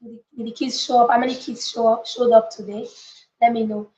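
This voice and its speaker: Higher-pitched woman coaching in an echoey room. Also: level tone, a little fast, a little mellow. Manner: emphatic, repeats phrases, checks in with listeners. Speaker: coach and book club leader hosting a live session. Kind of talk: motivational live teaching with informal chat to viewers. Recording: echoey room, slightly dull lo-fi audio.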